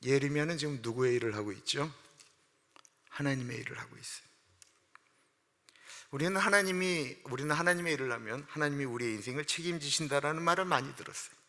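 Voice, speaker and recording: A male pastor preaching an earnest, emotional sermon that swells into loud, passionate outbursts. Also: a little high, quick pace, long pauses. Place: church sanctuary. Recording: long hall reverb.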